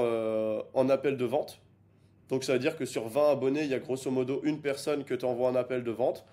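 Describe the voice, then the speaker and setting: A young man giving an energetic online business lesson as a coach, emphatic and repeating points for stress. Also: fairly high pitch.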